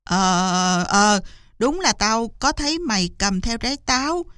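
A woman's voice: a little high, animated, measured pace, a bit bright, dry recording, clean studio sound. A woman voicing a grumpy, impatient male farmer in a storybook reading. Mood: gruff. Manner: gruff and impatient.

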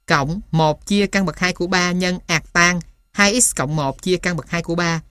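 A woman reading scripted material as dictation, piece by piece, in a measured, matter-of-fact way, like an instructor. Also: on the low side, fairly bright tone, no room sound. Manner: dictating symbols and punctuation one piece at a time. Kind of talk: scripted dictation of maths formulas.

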